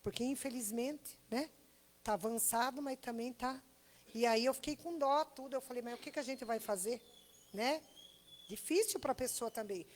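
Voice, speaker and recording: A woman pastor from Brazil, preaching a sermon that tells a story and builds to loud exhortation. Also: fairly high pitch, normal speed. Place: church service.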